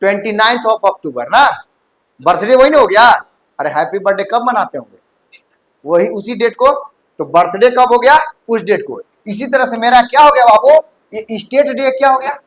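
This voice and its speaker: High-voiced male coaching teacher. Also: normal speed, a bit bright, poor audio. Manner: checks understanding often, mixes English terms into Hindi. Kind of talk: classroom lecture. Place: classroom.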